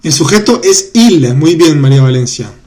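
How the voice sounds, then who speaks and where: A man's voice: on the high side, lively intonation, dark tone. Upbeat man teaching a live class. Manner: chatty, reads out student comments, repeats words slowly. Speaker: French teacher. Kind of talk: live online class, explaining grammar.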